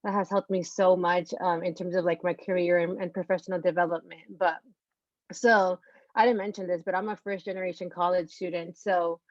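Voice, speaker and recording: Flat-voiced woman panelist, dry lo-fi sound. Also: on the low side, brisk, no room sound. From California. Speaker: graduate student panelist. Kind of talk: casual panel answer.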